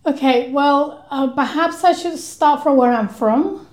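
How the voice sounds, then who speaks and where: A woman from Colombia with Spanish as her first language, speaking as a guest researcher in a podcast interview, measured and thoughtful with frequent pauses. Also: high voice, darkish tone, reverberant.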